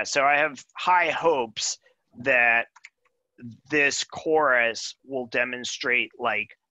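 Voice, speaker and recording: Casual male presenter, bright dry voice, talks through a demo over a video call. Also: mid-range voice, dry recording, muffled recording. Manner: casual, thinks aloud with frequent "right?" and "um". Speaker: presenter demoing software.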